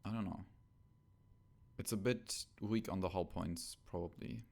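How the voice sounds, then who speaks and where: A man co-hosting a casual podcast about a tabletop game, thinking aloud and hesitating with many ums, on rough home audio. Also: low voice, fairly even intonation, unhurried, darkish tone. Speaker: podcast co-host.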